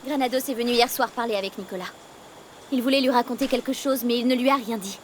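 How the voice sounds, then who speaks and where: A woman's voice: a little high, fast talker, a little hiss or hum, natural voice. A woman playing an earnest, reassuring young woman. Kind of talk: dubbed telenovela acting. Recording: music playing underneath.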